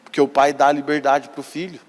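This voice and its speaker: Um padre com sotaque brasileiro pregando um sermão animado, encenando súplicas e elevando a voz em clamores. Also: male voice, fairly high pitch, brisk. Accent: Brazilian Portuguese. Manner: lively preaching, acting out quoted pleas and rising to cries. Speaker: priest. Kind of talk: sermon. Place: large church. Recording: long reverb of a large church.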